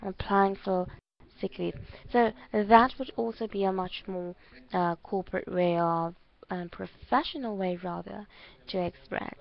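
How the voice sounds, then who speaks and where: A woman's voice: mid-range voice, unhurried, vocal fry. Woman language teacher, encouraging and explanatory, often checking understanding, on slightly dull, lo-fi audio. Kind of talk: giving spoken feedback in an online English lesson. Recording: muffled lo-fi online call audio.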